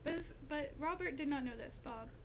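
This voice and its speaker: A woman's voice: sits high, fairly quick. Giggly young woman telling a made-up story. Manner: giggly, playful, trading lines. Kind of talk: improvised storytelling. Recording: tinny phone-like lo-fi audio with faint hiss.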